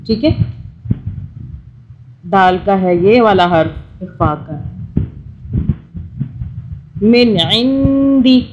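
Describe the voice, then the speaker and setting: Slow, patient woman teaching Quran recitation. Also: mid-range voice, muffled recording, background noise. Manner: patient, spells out syllables for the student to repeat; slow measured recitation, then reads a translation. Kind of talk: online Quran recitation lesson.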